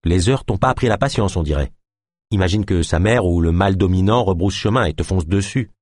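Guy voicing a tough woman hunter, clipped and swearing, raised pitch, husky. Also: brisk, darkish tone, no echo, clean studio sound. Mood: stern. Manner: terse, urgent, swearing.

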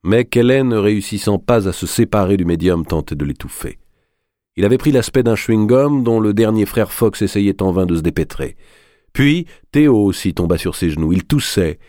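Male audiobook narrator, low voice, measured and dramatic, dry close sound. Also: dark tone, dry recording.

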